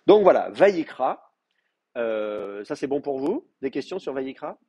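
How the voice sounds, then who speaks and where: A Hebrew teacher lectures at university in a mellow, husky, medium-pitched voice, very animated yet a little slow. His patient explanations are full of fillers and restarts.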